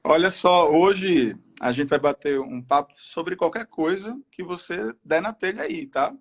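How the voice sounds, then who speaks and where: Casting: male Brazilian live-stream host, slightly high voice, gym-bro hype, slangy and casual. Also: measured pace.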